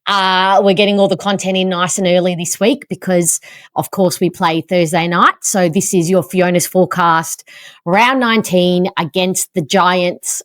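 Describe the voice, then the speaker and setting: An Australian woman with a slightly low voice hosts a podcast, telling the story of a mishap with animated, self-mocking flair in a casual chat. The audio is close and dry, free of room echo.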